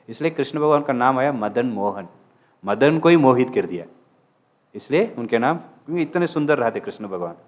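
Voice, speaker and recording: A man giving a sermon as a casual story, acting out the lines of its figures and mixing English words into his speech. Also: mid-range voice. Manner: mixes English words into Hindi. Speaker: preacher telling a devotional story.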